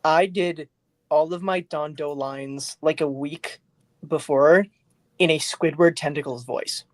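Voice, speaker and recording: Animated male fan voice actor, stammering restarts, dry close sound. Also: fairly high pitch, slow, no echo. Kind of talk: casual group chat.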